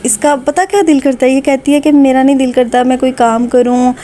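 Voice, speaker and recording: Woman, Pakistani Urdu accent, vlog voice-over, chatty with fillers, slightly high voice. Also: steady tone, brisk, heavy background noise. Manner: chatty and warm-hearted, with frequent conversational fillers. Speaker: vlogger. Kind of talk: voice-over narration of a family vlog.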